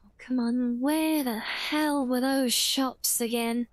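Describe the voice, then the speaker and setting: A woman's voice: sits high, fairly even intonation, slow, no room sound. A woman giving casual, rambling game commentary, thinking aloud as a streamer.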